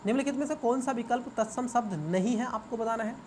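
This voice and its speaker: A man's voice: very high voice, quick pace, darkish tone, a little hiss or hum. A man teaching as an exam coach, going through a paper's answers, repeating words and asking his students rhetorical questions.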